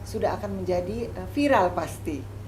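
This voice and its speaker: A woman's voice: on the low side, animated, moderate pace. A woman doctor speaking in an interview, chatty and complimentary. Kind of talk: conversational interview. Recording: noisy background hiss.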